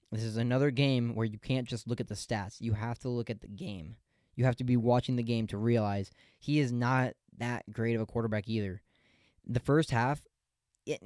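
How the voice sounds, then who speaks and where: A man's voice: medium pitch, warm tone, dry recording, studio quality. A man hosting a podcast, recapping football games in a rambling, opinionated way with many fillers and restarts. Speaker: podcast host. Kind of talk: casual sports recap.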